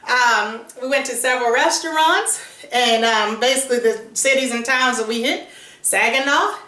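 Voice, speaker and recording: A woman's voice: on the high side, moderate pace, bright, forceful tone. A woman hosting a vlog, chatting in a casual, upbeat way with lots of fillers. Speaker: vlog host. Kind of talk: casual chat. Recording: roomy echo, mic at a distance.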